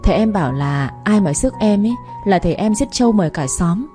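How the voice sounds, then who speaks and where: A woman's voice: medium pitch, a little fast, mellow, soft background music, close to an everyday voice. Woman doing a chatty, pleading village girl. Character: pushy cheerful young village woman.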